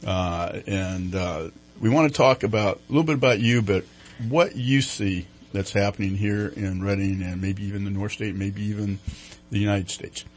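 A man's voice: on the low side, normal speed, a little hiss or hum. A man hosting a radio talk show with casual, folksy live chat from a studio.

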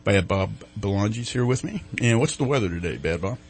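A man's voice: fairly low pitch, lively intonation, fairly quick. A man hosting a radio talk show with casual, folksy live chat from a studio.

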